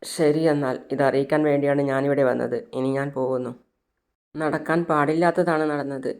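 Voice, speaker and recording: Somber male messenger in a told story, read by a woman narrator, deep, flat delivery. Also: normal speed. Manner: low, even reading voice. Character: somber man bringing sad news.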